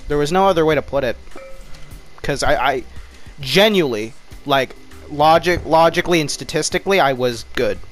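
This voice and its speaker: A man's voice: medium pitch, fairly bright tone. Guy rambling over his gameplay, jittery and wired on caffeine, pokes fun at himself, normal mid voice. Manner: rambling, self-mocking talk. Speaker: gaming YouTuber. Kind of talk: casual gameplay commentary.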